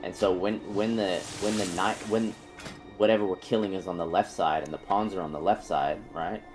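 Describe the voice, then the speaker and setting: A man's voice: low voice, fairly even intonation, moderate pace, darkish tone, soft background music, rough recording. A man leading a game raid over voice chat, explaining positions in a rambling way with many fillers and restarts. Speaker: raid leader.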